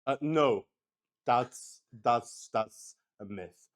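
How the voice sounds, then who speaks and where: A man from Luxembourg with a mid-range voice plays a solo roleplay stream, improvising casual chat as he goes. He talks slowly and hesitantly, as if thinking aloud.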